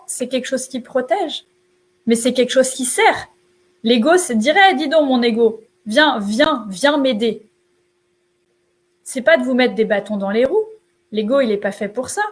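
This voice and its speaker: Lively woman on a pep talk, slightly high voice, emphatic and chatty. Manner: animated, emphatic, colloquial. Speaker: entrepreneur and show co-host. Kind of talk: casual motivational chat.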